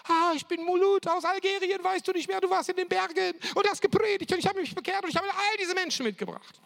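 A man doing an eager, high-pitched convert. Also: fast, vocal fry, a bit bright, heavily acted. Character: grateful male convert from the mountains, warm greeting.

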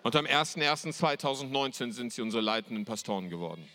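A man's voice: medium pitch, lively intonation, fast, sharp tone. A male pastor giving a sermon, telling stories with emphatic repetition. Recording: long hall reverb.

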